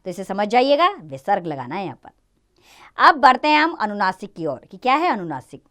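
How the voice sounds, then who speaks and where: A woman's voice: medium pitch, big pitch swings, fairly quick, fairly bright tone. A woman teaching a grammar lesson to children, explaining step by step and asking and answering her own questions.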